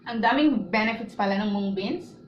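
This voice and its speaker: A woman's voice: on the high side, a little fast. Filipina woman doing a casual mukbang, talking while chewing, kinda dull echoey audio. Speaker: mukbang host. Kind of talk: casual mukbang chat, mixing Filipino and English. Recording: muffled, roomy, clearly noisy home recording.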